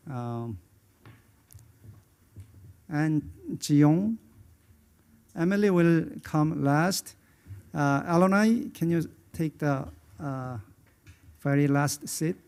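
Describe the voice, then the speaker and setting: A man's voice: fairly high pitch, drawn-out words, long pauses, darkish tone, clean tone. A man from Indonesia moderating a conference panel, hesitant and full of filler sounds.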